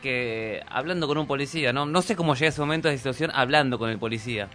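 A man with an Argentine Rioplatense accent chats on the radio, dropping quick reactions and asides into his co-host's story. His voice is bright and forceful, with faint music underneath. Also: mid-range voice. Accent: Argentine Rioplatense Spanish. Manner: chatty, adds short reactions and asides. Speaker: radio co-host. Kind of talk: casual radio chat.

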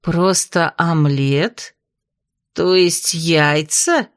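Woman doing a big bold bride, nosy and slow, drawls every question, dry close sound. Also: mid-range voice, lively intonation, no echo, close to an everyday voice. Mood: prying.

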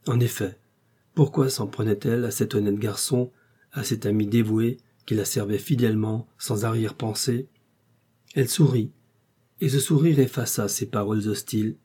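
Husky, dark-toned male narrator. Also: fairly low pitch, fairly even intonation, moderate pace. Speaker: audiobook narrator. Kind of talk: scripted narration.

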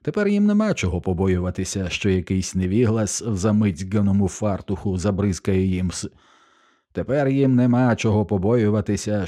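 A drunken young aristocrat who gushes with pompous delight, as a male audiobook reader puts him on. He talks effusively and a little unsteadily. The voice sits higher than a plain speaking voice. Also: dark tone. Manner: gushing, effusive, tipsy.

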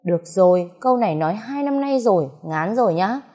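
A woman's voice: mid-range voice, expressive, fairly quick, mellow, close to an everyday voice. A woman voicing a blunt, impatient snake spirit who grumbles and snaps at others. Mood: grumbling. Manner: snappy, grumbling.

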